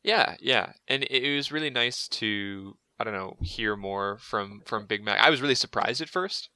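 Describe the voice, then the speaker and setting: A man's voice: fairly low pitch, normal speed, bright, forceful tone, smooth, dry recording. A man co-hosting a casual podcast, rambling with lots of fillers and restarts. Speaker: podcast co-host.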